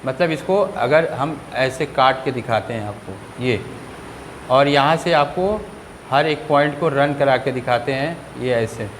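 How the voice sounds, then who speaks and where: A man teaching a school class, asking questions and answering them himself in a lower voice, and reading English lines out slowly. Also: big-room sound, a little hiss or hum. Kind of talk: classroom lecture.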